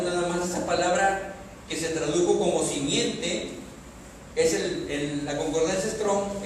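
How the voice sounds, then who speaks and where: High-voiced preaching pastor in an echoey hall. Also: male voice, distant mic, noisy background. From Mexico. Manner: preaches with rising emphatic questions, reads scripture aloud. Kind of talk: sermon. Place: church hall. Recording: echoey church hall, heard from afar.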